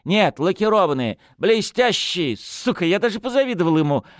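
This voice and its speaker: A whiny, cocky young male thief, pitched high and swinging wildly as he pleads in street slang. The voice sits close and dry, with a smooth tone. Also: big pitch swings, normal speed, dry recording. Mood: cagey.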